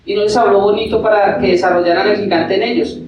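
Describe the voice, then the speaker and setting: A man's voice: sits high, fairly even intonation, quick pace, lo-fi sound, a crowd in the background. A male pastor, preaching a sermon full of rhetorical questions and acted-out quotes. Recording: echoey hall, from far off.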